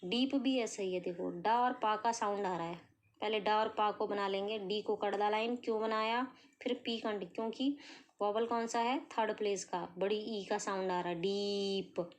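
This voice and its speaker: A woman teaching shorthand step by step, asking questions and answering them herself, sounding out letters slowly. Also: medium pitch. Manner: explains patiently, asks and answers her own questions, sounds out letters slowly. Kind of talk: step-by-step tutorial.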